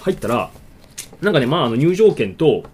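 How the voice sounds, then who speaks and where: A man telling a story in casual chat, acting out his own panicked shouts. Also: mid-range voice, sing-song, moderate pace, slightly rough.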